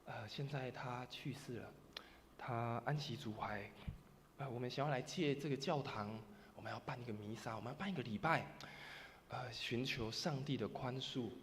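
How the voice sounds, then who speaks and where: A man's voice: sits high, animated, normal speed, a little hiss or hum, pitched above the performer's own voice. A man voicing a funeral procession leader who bangs on a church door, then pleads meekly, within a sermon. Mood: humble pleading. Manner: shouting loudly, then apologetic and meek. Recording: reverberant church hall.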